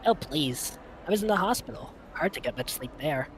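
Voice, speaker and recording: A man voicing an upbeat, excitable young woman heroine while reading a visual novel aloud, playful and tripping over words. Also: a little high, normal speed, a little hiss or hum. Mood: wry.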